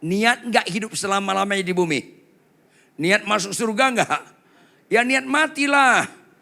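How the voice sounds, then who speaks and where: A male pastor preaching a lively sermon, swinging between loud cries and hushed asides while urging the congregation to answer louder. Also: sits high, a little slow, creaky. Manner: quizzes the congregation and urges them to answer louder.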